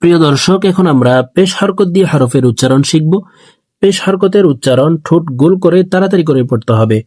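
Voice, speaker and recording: A man teaching Quran reading, slowly chanting letter drills and then briefly explaining pronunciation in a teaching tone. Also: on the high side, expressive, a little mellow, no room sound. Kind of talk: slow drilled recitation lesson.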